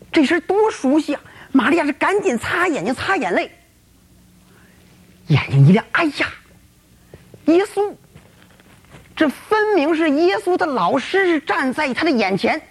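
Woman storyteller, higher voice, very expressive pitch, husky. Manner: dramatic, exclaiming, colloquial. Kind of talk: traditional storytelling.

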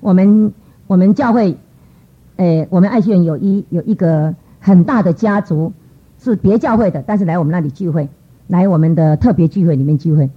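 A middle-aged woman telling a lively church testimony, acting out what people said in changing voices. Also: a little fast, husky. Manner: lively, acts out quoted voices with pitch jumps. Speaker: church speaker giving testimony. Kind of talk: storytelling testimony talk. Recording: dull lo-fi recording.

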